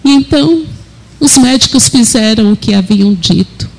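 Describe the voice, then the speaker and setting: A woman with a Brazilian Portuguese accent preaching a sermon as a story, acting out the quoted lines with shifting pitch and slowing down on repeated phrases. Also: lively intonation, gravelly, low-quality recording. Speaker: church preacher.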